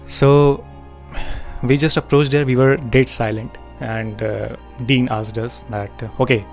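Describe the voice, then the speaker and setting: A man's voice: medium pitch, flat delivery, slow, darkish tone, soft background music. A young man, earnestly recounting a personal story with fillers and self-corrections. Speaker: channel host.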